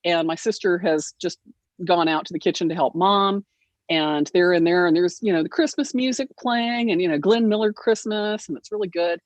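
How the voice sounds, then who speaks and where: Woman telling a lively family story. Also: lowish voice, normal speed, dry recording. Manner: animated, laughs through the story, acts out quoted family voices. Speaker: guild member sharing a story. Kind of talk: casual storytelling.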